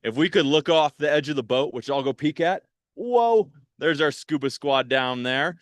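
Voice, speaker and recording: A man's voice: mid-range voice, fairly even intonation, moderate pace, a bit bright, no room sound. A man hosting a live virtual park field trip from a patrol boat on a lake, talking in an upbeat, chatty way with viewers. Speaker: park program host.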